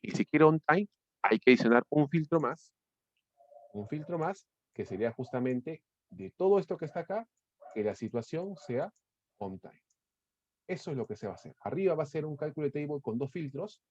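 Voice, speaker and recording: A man teaching a software tutorial, explaining step by step, often restarting words and checking in with his listeners. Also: medium pitch, no echo, highs cut off. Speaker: instructor. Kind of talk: screen-recorded software tutorial.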